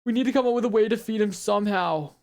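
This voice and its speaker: A man's voice: high voice, racing, creaky, a little mellow. A man voicing an earnest, resolute teenage boy fighter who narrates a video game story. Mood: desperate resolve.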